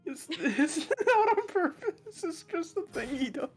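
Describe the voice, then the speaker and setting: A woman's voice: very high voice, sing-song, measured pace, soft background music. A woman player chatting casually at a tabletop game, teasing and giggly.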